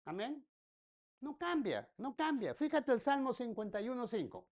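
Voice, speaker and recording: A woman's voice: fairly high pitch, sing-song, moderate pace, darkish tone. A woman pastor preaching a sermon, repeating her points and tossing rhetorical questions and folksy joking asides to the congregation.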